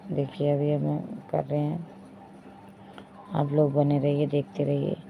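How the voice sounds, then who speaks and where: A woman's voice: sits low, monotone, takes it slowly, gravelly. A young woman chatting straight to her viewers in a casual home vlog, pointing things out as she goes. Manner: chatty, addresses viewers directly, repeats "dekhiye". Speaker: vlogger. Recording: dull lo-fi phone audio with faint noise.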